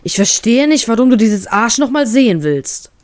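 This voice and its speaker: Woman reading as a curt, gruff, short-fused young brother, fiercely protective. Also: a little high, sing-song, normal speed, dry recording, clean studio sound. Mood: irritated. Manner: gruff, curt and irritated, softening when reassuring. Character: young man, protective hot-tempered older brother.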